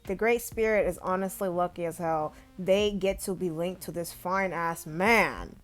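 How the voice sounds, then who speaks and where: A woman's voice: on the low side, a little slow, soft background music. A woman vlogger chatting casually in a playful, profane, gushing way. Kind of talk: casual chat.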